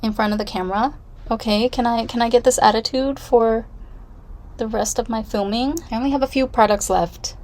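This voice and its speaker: A woman's voice: on the high side, fairly even intonation, a little fast, darkish tone. A woman vlogging casually from home, reviewing beauty products in a rambling, candid way with self-deprecating asides.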